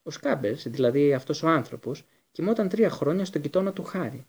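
A man's voice: fairly high pitch, expressive, darkish tone, husky. A man voicing a timid, polite young schoolgirl.

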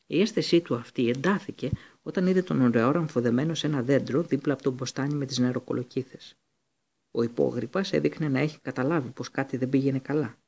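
A man reading a storybook aloud, steady, with occasional slips and restarts. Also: medium pitch, vocal fry. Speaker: audiobook reader. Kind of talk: storybook narration.

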